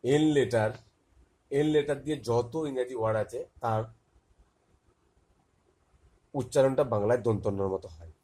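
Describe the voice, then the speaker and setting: A man talks to young pupils in a relaxed, darker voice. He works through letters one by one, spelling out short words and saying each one again and again. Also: medium pitch, a little fast. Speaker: teacher. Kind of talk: tutorial for young children.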